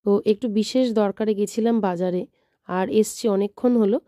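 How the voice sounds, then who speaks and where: A woman's voice: a little fast, no echo. A woman with a Bengali accent narrating her days at home in a casual family vlog, filmed on a handheld phone. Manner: coos high and sing-song to a baby; speaks hushed and low in the morning. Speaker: vlogger.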